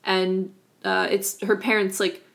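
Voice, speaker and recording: A young woman co-hosts a podcast, chatting casually about a cartoon and filling her talk with lots of "like" and "um." Her mid-range voice is a bit bright, with vocal fry, a flat delivery, and a slow pace.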